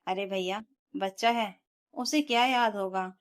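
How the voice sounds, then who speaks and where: A woman's voice: medium pitch, unhurried, lightly acted. Harsh, dismissive sister-in-law who never admits fault, read by a woman storyteller. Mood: scornful. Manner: dismissive, sharp retorts. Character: scornful adult sister-in-law, harsh and unrepentant.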